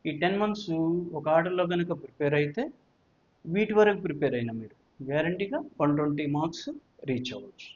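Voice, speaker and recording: Speaking fast in a fairly high voice, a Telugu-accented physics teacher preps his students for exams. He switches between Telugu and English, goes over points again, and checks understanding with questions, all on a dull, lo-fi recording.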